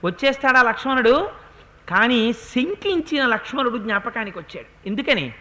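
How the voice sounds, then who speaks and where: Bright high-voiced man giving a devotional discourse. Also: sing-song. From India. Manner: chants verses slowly, then explains with rising emphasis. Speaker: religious discourse speaker.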